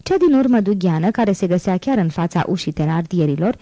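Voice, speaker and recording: A woman reading a classic novel aloud as an audiobook, in a calm, measured storytelling manner. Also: fairly low pitch, dry recording. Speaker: audiobook reader.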